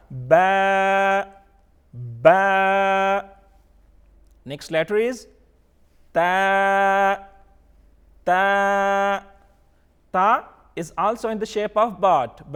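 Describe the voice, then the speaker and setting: A man with a Pakistani accent teaching a televised Quran reading lesson, patiently drilling each letter with slow, drawn-out recitation and English words mixed into his explanations. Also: high voice, fairly bright tone.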